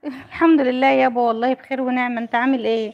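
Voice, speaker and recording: A woman's voice: high-pitched, little pitch movement, fast talker, dull audio. A woman with an Egyptian Arabic accent chatting on a call while filming her child, doting and laughing often. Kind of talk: casual family vlog on a phone call.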